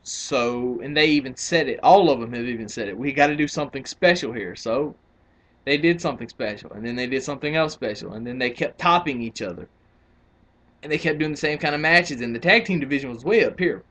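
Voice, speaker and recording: A man's voice: mid-range voice, brisk, a bit bright. A man in his twenties ranting casually to camera as a wrestling vlogger, argumentative and rambling with frequent restarts. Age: 20s.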